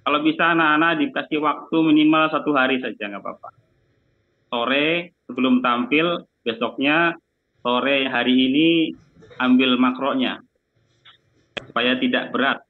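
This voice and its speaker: A man, a religious teacher, answering questions in an online meeting, speaking haltingly over a crackly line that keeps cutting out. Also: mid-range voice. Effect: crackly phone-like line that keeps cutting out. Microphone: video call. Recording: tinny, breaking-up phone-like call audio.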